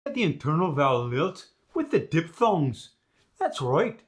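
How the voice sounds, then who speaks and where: Playing a bragging expert in Scottish dialect, a man uses a fairly high, sing-song voice at an unhurried pace. He struts through emphatic sound demonstrations in a comic lesson, instructive and confident.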